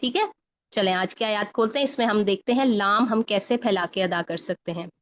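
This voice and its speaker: A woman teaching Quran recitation, explaining step by step and slowly reciting example words for her students. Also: mid-range voice, a little hiss or hum. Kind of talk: recitation lesson. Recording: slightly dull lo-fi recording.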